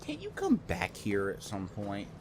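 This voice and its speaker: Low-voiced guy rambling over a game, swearing, jumps around a lot in pitch, loud game noise behind. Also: huge pitch swings, measured pace. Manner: rambling, joking, swears freely. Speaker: let's play host. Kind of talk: casual gameplay commentary.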